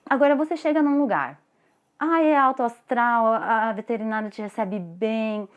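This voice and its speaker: A woman lecturing, animated, rising high when she tells stories. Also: normal speed, phone-quality sound. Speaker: instructor.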